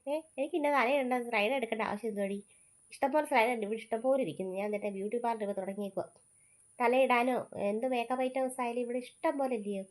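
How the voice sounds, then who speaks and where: A woman's voice: a little high, lightly acted. A woman playing a defensive grandmother. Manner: insistent, rapid-fire denials. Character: defensive grandmother accused of taking a hair slide. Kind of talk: family comedy skit.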